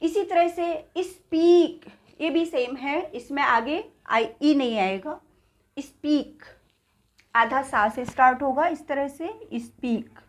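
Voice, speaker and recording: A woman teaching spoken English with an Indian accent, repeating each word slowly and checking in with her students. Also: high-pitched.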